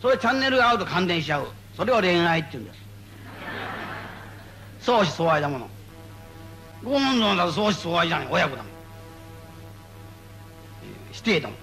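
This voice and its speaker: A man giving spoken Buddhist guidance to a gathering, playful and animated, repeating phrases for emphasis. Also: on the high side, normal speed, pauses often, faint music behind. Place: meeting before a live audience.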